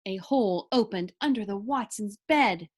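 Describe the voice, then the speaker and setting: A woman reads a children's story aloud, narrating expressively at a moderate pace and medium pitch.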